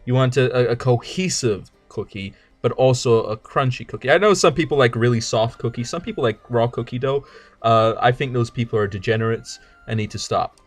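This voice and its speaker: Soft music plays behind this medium-pitched man, who speaks a little fast while streaming a card game. He rambles and jokes around casually, tripping over his words and starting sentences over.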